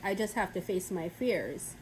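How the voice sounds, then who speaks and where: A young woman vlogger, stuffy and congested from a cold, tells a story to camera in a rambling, casual way full of fillers and restarts. Her medium-pitched voice is animated and unhurried, and the poor audio carries a little hiss or hum.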